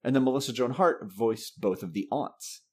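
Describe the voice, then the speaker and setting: A man hosting a podcast in casual chat, animated, laughing often and swearing freely. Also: medium pitch, normal speed, slightly rough. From Massachusetts. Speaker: podcast host.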